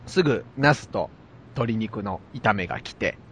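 A man's voice: on the low side, unhurried, a little hiss or hum. Man with a Kansai accent telling a story. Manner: animated anecdote telling. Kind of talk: casual chat.

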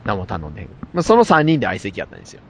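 A man with a Kansai accent telling an animated anecdote in casual chat. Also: on the low side, rapid-fire, a little hiss or hum. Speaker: storyteller.

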